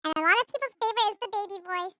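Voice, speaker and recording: A woman using a pitch-raising voice changer to sound like a baby, teasing playfully. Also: racing, sharp tone, no echo, clean studio sound. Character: squeaky baby and high female voice.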